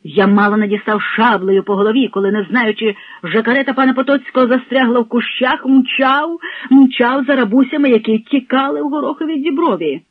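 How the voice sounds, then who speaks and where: A man voicing a proud, courteous nobleman who speaks formally and deliberately. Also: very high voice, steady tone, no echo, narrow, tinny audio, voice pushed up.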